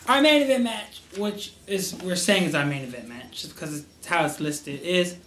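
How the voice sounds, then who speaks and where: A man co-hosting a casual wrestling podcast, rambling through his picks with many pauses and restarts. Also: high-pitched, lively intonation, fairly bright tone, soft background music. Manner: rambling, lots of fillers and restarts. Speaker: wrestling show co-host. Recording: roomy echo with faint noise.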